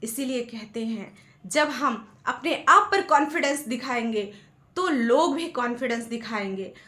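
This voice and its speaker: Bright-voiced woman storyteller, echoey room. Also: fairly high pitch, a little slow. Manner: expressive, lively storytelling. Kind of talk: Hindi moral story narration.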